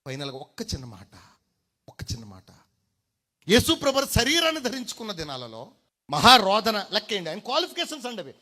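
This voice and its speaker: Male preacher, animated high delivery, hushed-to-loud swings, drawn-out emphasis. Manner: mixes in English phrases, addresses the congregation directly. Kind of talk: sermon.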